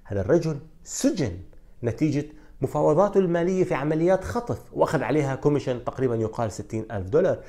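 A man with a Levantine Arabic accent hosts a football countdown, rattling off stories at a breakneck clip. His voice sits in a mellow, darker register, and he keeps an animated storytelling flow peppered with fillers. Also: fairly high pitch, racing. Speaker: sports video host. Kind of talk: energetic football countdown commentary.

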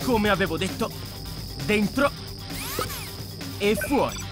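Young male superhero leader, cocky, overdramatic, high-pitched, cartoon dub, loud music behind. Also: expressive, slow. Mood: scheming, cocky. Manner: overdramatic, emphatic.

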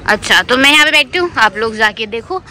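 A woman's voice: fairly high pitch, lively intonation, brisk, sharp tone. A woman vlogging at a park cafe, chatting casually with friends and viewers and laughing often, with a Delhi Hindi accent. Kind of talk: casual vlog chat.

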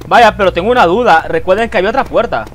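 A man with a rather high voice narrates his horror game playthrough as live commentary. He is excitable and swears freely, calling out to his viewers as he plays. A faint hiss of noise sits under his voice. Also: very fast. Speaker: gaming YouTuber. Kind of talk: let's play commentary.

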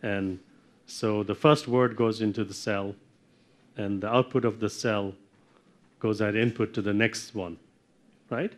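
A middle-aged man giving a technical lecture from slides, often checking in with "okay?" and clearing his throat. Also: lowish voice, steady tone, measured pace, long pauses. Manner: explanatory, checks in with frequent "okay?". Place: darkened lecture room with projector screen.

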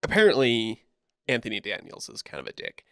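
A man with a low, gravelly voice chats casually as a podcast host. He trails off and fills gaps with "um" and "like", and he sounds close and dry to the mic. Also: fairly quick, no echo. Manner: relaxed, trailing off, frequent fillers.

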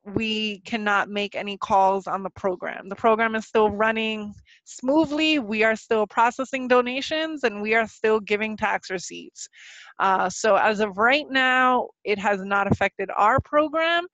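A young woman hosting a webinar Q&A, a little nervous and halting, with a slightly sick voice. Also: mid-range voice, a bit bright, no room sound. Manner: nervous, halting, many fillers and restarts. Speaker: webinar presenter. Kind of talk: live webinar presentation with Q&A. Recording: dull, lo-fi dry webinar audio.

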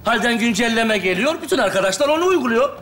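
A man playing a market vendor in a stage comedy sketch, calling out loud sing-song sales cries. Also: very high-pitched, expressive, fast talker, a little hiss or hum. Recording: live stage show with roomy echo. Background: studio audience.

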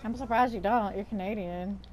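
A woman's voice: medium pitch, a little fast, a little hiss or hum. A young woman from the United States chatting casually during a game, playful and blunt with casual swearing. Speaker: gamer. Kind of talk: casual gameplay chat.

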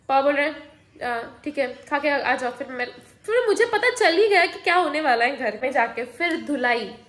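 Young woman, high voice, chatty storytelling vlog, hops from topic to topic. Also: fairly bright tone, poor audio. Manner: chatty, mixes Hindi and English, jumps between topics. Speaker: vlogger.

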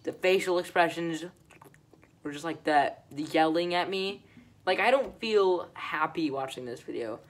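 A woman's voice: fairly low pitch, measured pace. Sarcastic ranting woman reacting to videos. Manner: sarcastic ranting, heavy use of "like". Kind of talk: casual reaction commentary.

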